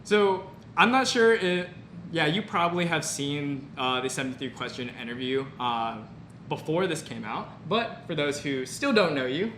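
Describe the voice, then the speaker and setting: A young adult man, a medical student who vlogs, hosts a casual interview in a slightly high, fairly bright voice at a moderate pace. He sounds eager, a little nervous, and uses filler words, recorded in an echoey room with faint noise.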